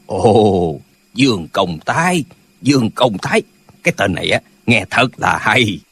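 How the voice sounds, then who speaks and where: A man voicing a band of quarrelsome, pedantic old martial-arts brothers in an audiobook, with a husky voice. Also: lowish voice, sing-song, measured pace, a bit bright, full character voice. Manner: bickering, pedantic, squabbling.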